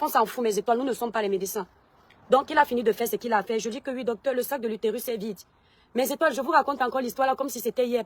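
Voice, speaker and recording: Woman rattling off her story to followers, quick and a bit high, dry close sound. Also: no room sound. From Cameroon. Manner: animated storytelling, talks straight to her followers. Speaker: vlogger. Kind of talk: personal testimony to viewers.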